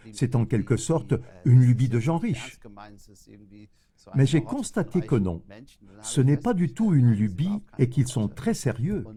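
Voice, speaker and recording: A man voicing an interview guest's answers in a measured, explanatory way. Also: mid-range voice, dark tone.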